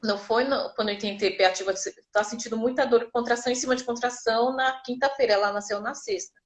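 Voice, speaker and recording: A woman's voice: a little high, steady tone, quick pace. Brazilian woman vividly recounting a birth. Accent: Brazilian Portuguese. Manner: vivid, acts out quoted people. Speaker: guest telling her birth story. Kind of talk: casual storytelling.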